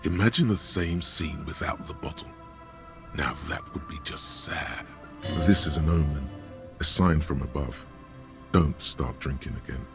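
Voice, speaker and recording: A man's voice: unhurried, over music. A man voicing a brooding inner-voice narrator for a detective game, wry and ominous in manner. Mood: musing. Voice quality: deep gravelly voice. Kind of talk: game voice acting.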